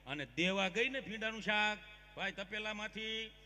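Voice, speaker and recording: A man's voice: sits high, moderate pace, faint music behind. A man telling comic stories on stage, talking straight to the audience. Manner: lively, addresses audience directly. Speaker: folk comedian. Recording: long hall reverb.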